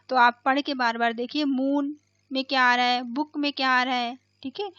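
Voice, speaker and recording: High-voiced woman teaching slowly. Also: a bit bright, no echo, dull audio. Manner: slow explanatory, repeats words, asks and answers own questions. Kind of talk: bilingual classroom lesson.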